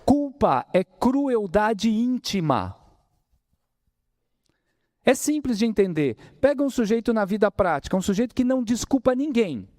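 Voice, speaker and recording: Brazilian male spiritist lecturer, animated pitch, dry close sound, preaching with rhetorical questions. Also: a little slow, no echo. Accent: Brazilian Portuguese, São Paulo interior. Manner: lively preaching, addresses audience as brothers, asks rhetorical questions. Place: spiritist center hall.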